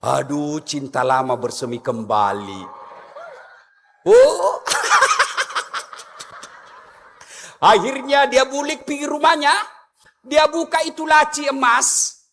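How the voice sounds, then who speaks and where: A middle-aged man giving a humorous sermon, animated and asking the audience questions. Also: extremely high pitch, measured pace, vocal fry. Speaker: preacher. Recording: echoey hall with long reverb.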